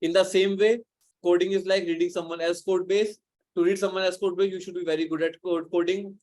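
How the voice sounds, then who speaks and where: A man's voice: high-pitched, flat delivery, a little fast, a little mellow, a little hiss or hum. Man lecturing loosely on a call. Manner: loose, rambling explanation with many restarts. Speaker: instructor. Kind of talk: live online lecture.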